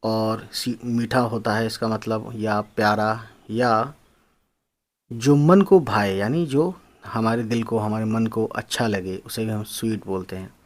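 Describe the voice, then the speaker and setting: Speaking unhurriedly in a fairly low voice with fairly even intonation, a man explains English slang terms in a relaxed lesson. He spells the words aloud, repeats phrases, and addresses viewers as his friends.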